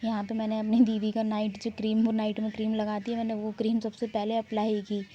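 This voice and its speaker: A woman's voice: medium pitch, monotone, a little fast, dark tone. A young woman narrating her vlog in a chatty, rambling, self-mocking way. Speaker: vlogger. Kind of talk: casual vlog voice-over narration. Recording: dull lo-fi sound, faint background noise.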